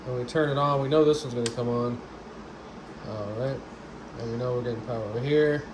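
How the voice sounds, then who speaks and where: In a mid-range voice with fairly even intonation, a man walks viewers through a DIY car audio job a little fast. He's the host, speaking casually and colloquially over a clearly noisy background.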